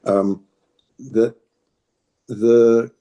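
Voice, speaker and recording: An older man from New England, a political activist with a New England American accent, answers interview questions in a reflective way. His mid-range voice is mellow and level in tone, with drawn-out words, and he sounds hesitant and thoughtful, restarting frequently.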